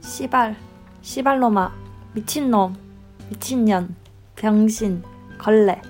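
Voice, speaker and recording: A woman's voice: medium pitch, fast, a little mellow, soft background music. A woman assisting in a language lesson, reading single words aloud one by one in a cute-sounding way. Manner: short, cute-sounding word-by-word delivery.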